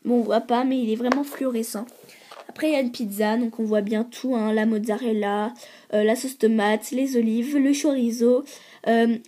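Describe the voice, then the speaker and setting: A teenage girl with a slightly hoarse voice casually shows off her clay creations, hesitating often with fillers and repeated words. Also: a little high, warm tone. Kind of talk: casual show-and-tell.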